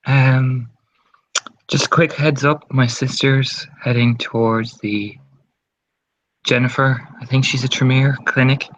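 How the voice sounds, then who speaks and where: A man's voice: medium pitch, fairly even intonation, takes it slowly, a bit bright, no echo. A man voicing a sly young vampire woman who plays sweet and innocent with her father. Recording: dull lo-fi recording.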